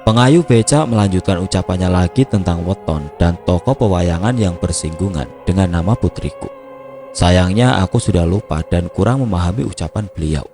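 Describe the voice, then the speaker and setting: A man calmly reading a first-person mystery story in scripted narration. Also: sits low, normal speed. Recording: music playing behind.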